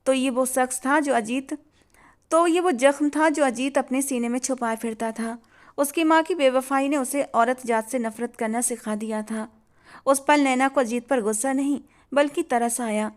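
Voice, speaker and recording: A woman narrating a scripted family story in a steady, expressive reading voice. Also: high voice, normal speed.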